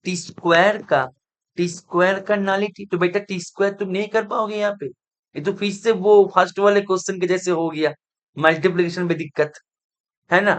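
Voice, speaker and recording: High-voiced male math teacher, slow explaining. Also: little pitch movement, fairly bright tone. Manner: addresses students as beta, asks if it is clear; mixes Hindi with English math terms and some Bengali. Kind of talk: online exam-prep lecture.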